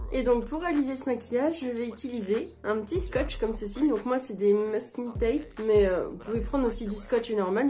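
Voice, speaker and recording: A woman with a slightly high voice walks through her makeup routine one step at a time, relaxed and chatty. Clear background music plays under her narration. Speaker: beauty vlogger. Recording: music playing behind the voice.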